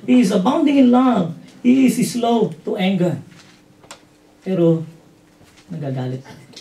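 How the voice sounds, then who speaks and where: Filipino pastor preaching in a roomy hall. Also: male voice, very high-pitched, darkish tone. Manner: mixes English into Filipino, asks "Amen?" and "no?" often. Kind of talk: sermon. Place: church hall. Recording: roomy hall audio from a distance.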